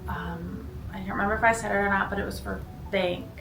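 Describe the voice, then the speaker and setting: A woman chats offhandedly. Her voice carries heavy vocal fry. She sounds distant in an echoing room, with music clearly underneath. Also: medium pitch, fairly even intonation, fast talker. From Minnesota, United States. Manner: chatty, offhand. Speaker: interviewee, graduate student. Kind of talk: casual interview. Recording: roomy distant mic with music bed.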